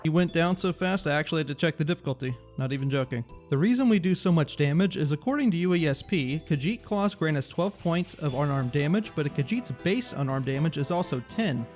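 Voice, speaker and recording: Gaming narrator, male, wry and joking, a bit high-pitched. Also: expressive, a little fast, hardly any pauses, soft background music. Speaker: gaming YouTuber. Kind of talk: scripted gameplay narration.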